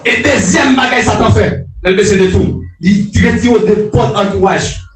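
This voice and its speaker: A man preaches a fervent sermon in a raised, high voice, often repeating and restarting his phrases before breaking into shouted alleluias. He sounds distant from the microphone inside a reverberant hall. Faint music plays underneath. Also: unhurried. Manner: impassioned, shouted calls of alleluia. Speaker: prophet preaching. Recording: echoey hall picked up from a distance.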